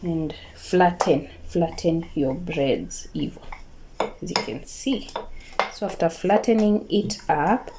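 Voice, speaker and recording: A woman's voice: lowish voice, big pitch swings, slow pace. A Kenyan woman with a Kikuyu accent giving a casual cooking tutorial, repeating her words, checking in with viewers and mixing in some Swahili. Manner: mixes Swahili words into English. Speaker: home cook presenting a recipe video. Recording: clearly noisy home recording, kitchen clatter.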